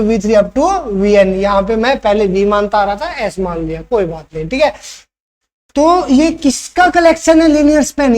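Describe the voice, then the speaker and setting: A man's voice: very high-pitched, a little mellow. A man teaching a math lesson for exam preparation. He explains step by step, repeats key points, asks rhetorical questions and keeps checking that the viewer follows. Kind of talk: online exam-prep math lecture.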